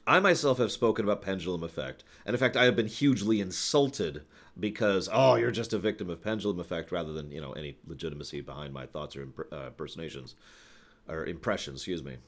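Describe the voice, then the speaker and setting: This is a man with a low voice who talks fast, hosting a live stream and chatting casually with viewers while he answers their questions. He's emphatic and opinionated, with lots of conversational asides, and music plays in the background.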